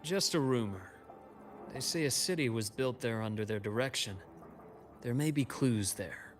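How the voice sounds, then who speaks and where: An actor playing a calm, secretive male informant in a video game, delivering grave, deliberate exposition. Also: medium pitch, faint music behind, natural voice.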